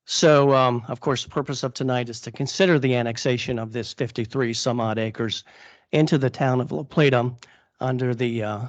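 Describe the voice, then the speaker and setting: A man presenting formally at a public meeting as an applicant's attorney, halting with many fillers and restarts, and losing his voice. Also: medium pitch, steady tone, no room sound. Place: council chamber.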